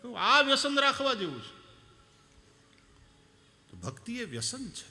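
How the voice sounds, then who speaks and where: Soft music plays beneath a man's very high voice as he delivers a devotional sermon at a measured pace. He's animated, telling anecdotes, performing the voices he quotes and singing verses.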